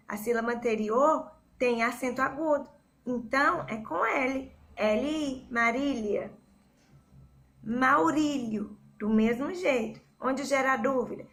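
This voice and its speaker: A Brazilian woman teaching a recorded school lesson, patiently repeating words slowly to explain a spelling rule. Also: on the high side, fairly bright tone. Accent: Brazilian Portuguese.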